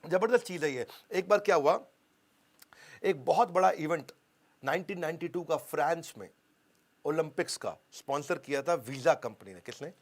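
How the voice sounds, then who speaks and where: Male business coach, seminar style; a touch high, emphatic, call-and-response. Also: lively intonation, normal speed. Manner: call-and-response, has the audience finish lines; emphatic, repeats key phrases.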